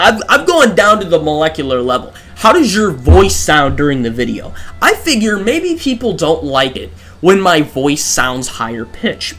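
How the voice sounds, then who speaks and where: Fairly high-pitched and fairly bright, this male gaming streamer sounds exhausted as he rants live into his desk microphone. He rambles through rhetorical questions and keeps restarting his thoughts.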